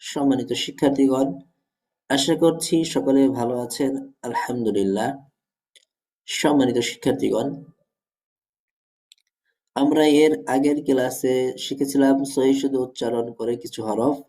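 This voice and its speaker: Male teacher for a recitation lesson; formal, patient, repetitive explainer with a warm, mellow voice. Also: mid-range voice, normal speed, pauses often, poor audio. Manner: methodical, addresses students formally, repeats points. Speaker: Quran pronunciation teacher.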